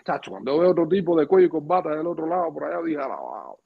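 A middle-aged man with a Cuban accent, a former pitcher telling anecdotes casually in an interview, slangy and lively, acting out the dialogue. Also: very fast, vocal fry, husky. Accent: Cuban Spanish. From Cuba. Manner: lively storyteller, slangy asides, acts out dialogue. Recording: muffled lo-fi podcast audio.

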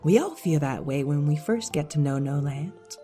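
A disembodied, teasing young puppy girl, as a woman storyteller puts her on, speaking playfully from nowhere in a storybook. The voice sits a little low and soft. Faint music plays behind it. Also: animated, normal speed, husky, heavily acted. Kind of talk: storybook reading.

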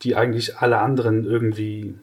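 A man co-hosting a podcast, explaining ideas in casual conversation with hesitant restarts and lively, exaggerated examples. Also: on the low side, quick pace. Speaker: podcast co-host.

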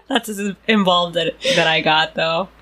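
Low-voiced Midwestern woman, reactive co-host. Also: unhurried, bright, forceful tone. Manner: reactive, frequent exclamations, opinionated. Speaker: podcast co-host. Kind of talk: casual chat.

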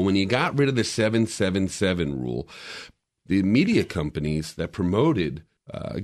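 A man in a casual podcast discussion, explaining media history in a lecturing way with frequent restarts. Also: fairly low pitch.

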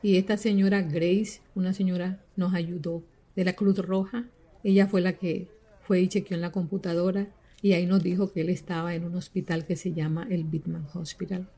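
Older woman with a dark, halting voice. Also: on the low side, flat delivery. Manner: halting, with many restarts and repetitions. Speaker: victim's daughter giving testimony. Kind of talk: emotional personal testimony.

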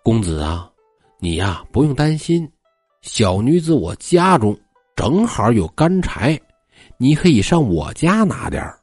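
A man voicing a playful, coaxing young forest maiden who may be a ghost, in a husky voice. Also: mid-range voice, sing-song, unhurried, darkish tone, no room sound, soft background music, exaggerated voice. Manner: playful, coaxing, mock-spooky.

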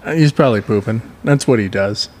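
A man's voice: lowish voice, brisk, a little hiss or hum. A man co-hosting a barbecue podcast, joking around and laughing often. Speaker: podcast co-host. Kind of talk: casual chat.

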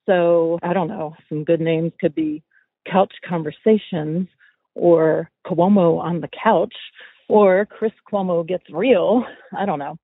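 A woman's voice: fairly low pitch, fairly even intonation, slow pace, no room sound. A woman caller leaving a casual voicemail over the phone, hesitant and trailing off. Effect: phone line. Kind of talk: voicemail message to a podcast. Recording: dry tinny phone line.

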